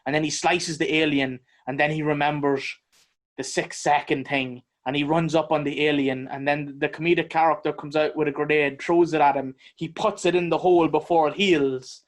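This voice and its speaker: A man co-hosting a podcast, chatting casually about a movie in a blunt, animated way and swearing freely. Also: on the high side, normal speed. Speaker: podcast co-host. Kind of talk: casual movie review chat.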